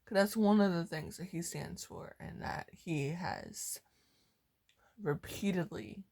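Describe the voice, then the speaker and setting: A woman vlogging a casual toast, hyper and giggly at times, soft and heartfelt at others. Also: fairly low pitch, takes it slowly. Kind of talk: casual fan vlog toast.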